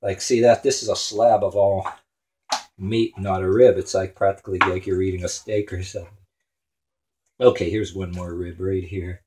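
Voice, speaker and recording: A man with a deep, mellow voice hosts a home cooking show, speaking at normal speed in a level tone as he cuts meat in a small kitchen. He's crude and joking, talking while he chops. A camera on the counter records him, with kitchen clatter behind.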